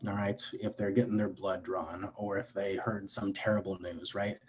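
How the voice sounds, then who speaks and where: A man's voice: sits low, flat delivery, moderate pace, darkish tone, lo-fi sound, slight background noise. A man speaking as a clinician guest in an interview, explaining in an earnest, lecturing way with frequent restarts and self-corrections.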